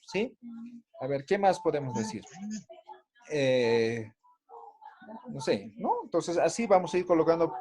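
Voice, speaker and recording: Guy teaching an online class, slightly high voice, keeps asking "right?". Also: darkish tone. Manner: explanatory, frequent tag questions. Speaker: language teacher.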